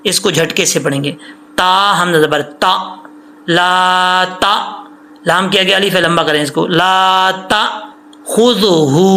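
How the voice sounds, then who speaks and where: A man teaching Quran recitation rules, explaining in casual speech and then chanting words slowly, syllable by syllable, to show how they should sound. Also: sits high, sharp tone. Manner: breaks verses into syllables, stretches sounds to show length. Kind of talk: tajweed lesson, slow recited examples between explanations.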